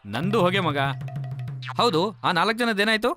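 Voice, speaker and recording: A man's voice: high voice, expressive, moderate pace, pushed and bright, faint music behind. An actor playing a joking young male friend who banters with his pals. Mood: bantering. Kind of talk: film acting.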